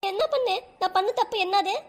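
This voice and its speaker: A woman voicing a heartbroken, gentle elderly grandmother who talks in a tearful, plaintive way in a cartoon. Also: high-pitched, fast talker, close to an everyday voice. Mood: weeping. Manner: plaintive, lamenting. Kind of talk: cartoon voice acting.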